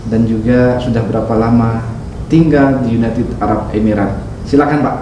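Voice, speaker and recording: A man's voice: medium pitch, steady tone, normal speed, lo-fi sound. Talkative guy interviewing someone, lots of "eh"s, kinda far from the mic with faint hum. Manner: chatty, laughs often, many fillers. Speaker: vlog host interviewing a guest. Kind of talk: casual interview chat. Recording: roomy, distant, faint noise.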